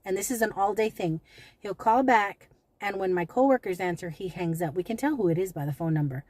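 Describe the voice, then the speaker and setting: A woman's voice: mid-range voice, brisk, darkish tone, no echo. A middle-aged woman venting in a personal vlog, anxious and rambling, often repeating herself. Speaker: vlogger. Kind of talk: emotional personal vlog rant.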